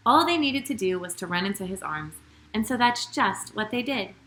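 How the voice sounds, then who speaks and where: A woman pastor leads storytime for young children, talking and reading aloud straight to them in a lively, sing-song way. Her pitch is medium and her pace normal, and the room sounds echoey.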